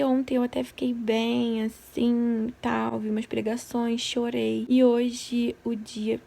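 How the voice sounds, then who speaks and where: A woman's voice: mid-range voice, vocal fry, mellow, slightly rough. A young woman from Brazil, an au pair vlogging in an earnest, confiding way. She is emotionally exhausted and prays aloud, repeating herself. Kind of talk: emotional personal vlog.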